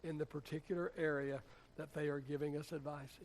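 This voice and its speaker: A man's voice: on the high side, level tone, a little fast, slight background noise. A man, a pastor, preaching a sermon in a church in a conversational, humorous storytelling way. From United States.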